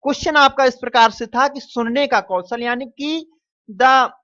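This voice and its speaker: A man teaching as he walks through an exam paper question by question. He calls his students "dear children", drawls out the answers slowly and mixes English phrases into his talk. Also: extremely high pitch, bright, forceful tone, dry recording. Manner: repeats and stretches answers slowly. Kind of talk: exam paper walkthrough lesson. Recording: dull, dry lo-fi recording.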